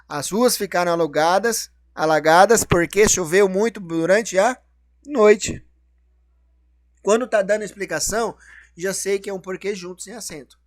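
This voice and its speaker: A man's voice: sits high, dry recording. A man teaches grammar. He explains each rule step by step and quizzes himself along the way. The sound is dry and close, with no room around it. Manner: explanatory, asks and answers his own questions. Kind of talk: grammar lesson.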